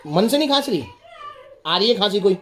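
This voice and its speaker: A man's voice: sits high, lively intonation, a little fast, fairly bright tone. Man, casual home vlog, playful teasing dad, chatty, indoors. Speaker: father and vlogger. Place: indoors at home, in front of a heater.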